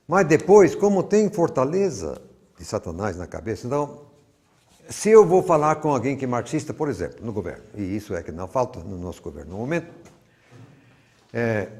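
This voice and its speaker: A man's voice: mid-range voice, a little mellow. An older man from Brazil with a Brazilian Portuguese accent, giving a rambling, conversational teaching talk full of personal stories. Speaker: Bible teacher.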